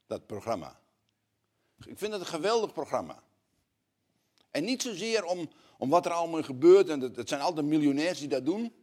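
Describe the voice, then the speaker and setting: A man preaching a sermon, moving between quiet, slow, earnest passages and loud, rising appeals to the congregation. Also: fairly high pitch, sing-song.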